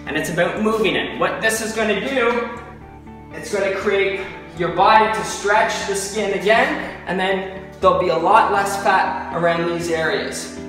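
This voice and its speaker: A male fitness coach talks through exercises in short, informal commands and counts. He is heard from well back in a very reverberant space, with clear music playing along. The delivery is that of a hands-on workout demonstration. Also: sits high, pushed and bright. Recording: very echoey, distant, music over voice.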